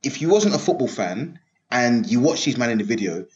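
A young man banters in a London roadman accent with lively, swinging intonation. His talk is emphatic, sweary slang, recorded in an echoey room. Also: mid-range voice, a little fast. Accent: London roadman (multicultural London English). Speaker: football talk show host. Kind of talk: casual banter. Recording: echoey room, slightly narrow-band sound.

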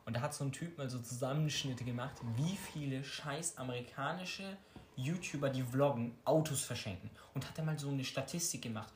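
A man's voice: mid-range voice, fairly quick. A young man chatting casually with friends as a podcast co-host, slangy and mixing in English words. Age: young adult. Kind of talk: casual chat among friends. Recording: roomy echo, faint noise.

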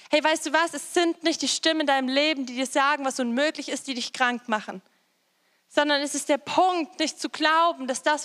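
A woman's voice: high voice, sharp tone, big-room sound. A woman preaching a sermon, speaking directly to her listeners and driving her points home with repeated phrases. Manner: direct, repeats phrases, addresses listeners with "hey, weißt du was".

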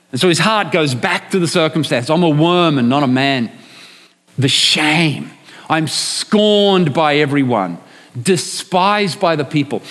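A man's voice: high-pitched, a bit bright, big-room sound. A man preaching a sermon, emphatic and often asking his listeners rhetorical questions.

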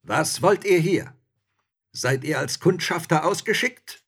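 A man voicing a gruff, threatening robber chief in a storybook reading, speaking in a menacing, shouting way. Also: fairly high pitch, slow, pitched above the performer's own voice, heavily acted.

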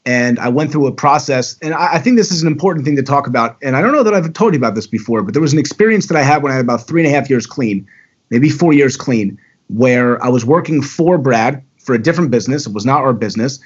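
A man's voice: medium pitch, animated, fast, breathy edge, muffled recording. A talkative man from the Baltimore area, telling his story candidly as a podcast guest. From Baltimore area, USA. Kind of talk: casual storytelling.

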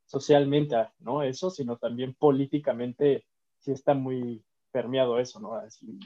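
A man talks through political ideas on a casual podcast, pausing often with fillers as he thinks. His voice is dark and mellow. The audio sounds a little dull and lo-fi. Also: medium pitch, steady tone. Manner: thoughtful, hesitant, many fillers. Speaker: podcast co-host.

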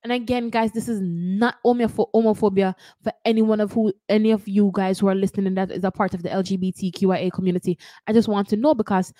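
A woman's voice: medium pitch, fairly even intonation, fast talker, few pauses, dark tone, no echo. A woman with a Jamaican accent hosting a casual commentary show, chatty and careful, often correcting herself. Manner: chatty, hedging, self-correcting. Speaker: host.

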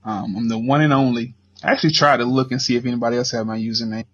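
A man guesting on a podcast, speaking earnestly and haltingly with fillers, on a lo-fi mic. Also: mid-range voice, fairly even intonation, slight background noise. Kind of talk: casual chat. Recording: dull lo-fi mic.

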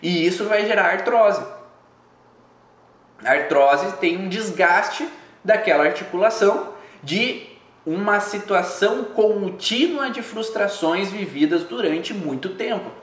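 A man's voice: sits high, lively intonation, takes it slowly, fairly bright tone, roomy sound. A man hosts a live video and explains his ideas in a reflective way. He repeats phrases and asks rhetorical questions. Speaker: host of a live video channel. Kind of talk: explanatory live-stream talk.

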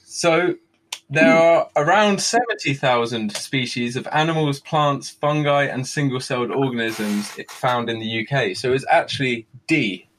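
A man's voice: medium pitch, a little slow, fairly bright tone, poor audio. A man hosting a casual live quiz, reading out questions and answers. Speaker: quiz host. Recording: clear background noise.

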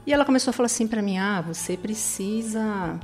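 Speaking fairly quickly in a medium-pitched, slightly mellow voice, this woman gives an earnest testimony of her faith. Her Brazilian Portuguese accent comes through, she tags her lines with a questioning "né?", and soft music plays underneath.

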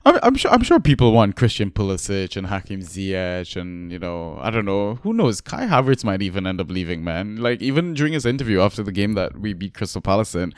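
A man co-hosting a sports podcast in a casual, easygoing way. His voice sits low and comes through smooth and clean. The recording is dry and close, with no room sound. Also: a little fast, hardly any pauses, dry recording. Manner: relaxed, chatty, laughs often. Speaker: podcast co-host.

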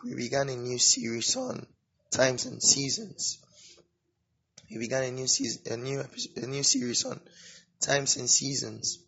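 A man's voice: mid-range voice, gravelly, fairly bright tone, slightly rough. Man with a swollen, sore-throat voice, lo-fi. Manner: halting, apologetic, repeats words. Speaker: podcast host. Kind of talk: informal religious teaching podcast. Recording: dull lo-fi audio, music behind. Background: background music.

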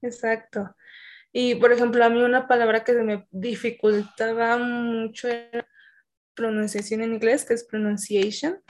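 Chatty woman teacher, slightly high. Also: flat delivery, normal speed. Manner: explains at length with many fillers. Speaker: English teacher. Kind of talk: casual conversational interview.

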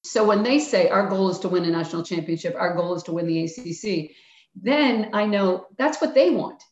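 On the low side and darkish, with lively intonation and a fairly quick pace, this voice belongs to a Philadelphia woman who once coached basketball. She answers interview questions plainly and frankly, dramatizing what she and her players said, in an echoey, dull room.

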